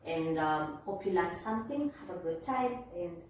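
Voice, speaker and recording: A woman's voice: fairly low pitch, lively intonation, moderate pace. A woman hosting a casual, chatty interview, addressing viewers directly in an encouraging way. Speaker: interviewer, host. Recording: echoey room, distant mic, faint noise.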